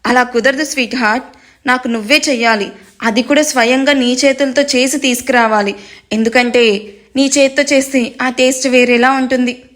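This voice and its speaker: A woman's voice: high voice, fairly even intonation, normal speed, fairly bright tone. A woman storyteller voicing a bossy, teasing young husband who scolds sternly. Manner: stern, scolding, mock-angry.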